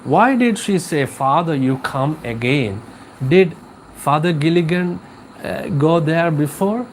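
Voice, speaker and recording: A male English teacher in a live class, speaking in a slightly high voice at an unhurried pace. He explains patiently, repeating points and asking his students questions. A faint hum sits behind him. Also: low-quality recording. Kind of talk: live class lesson on a poem.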